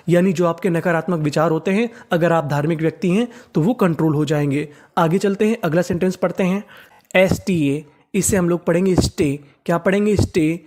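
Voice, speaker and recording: An English teacher leads a step-by-step reading lesson, spelling each word out letter by letter, then saying it slowly and repeating it. Rhetorical questions are put to the learner, in a medium-pitched, slightly mellow voice.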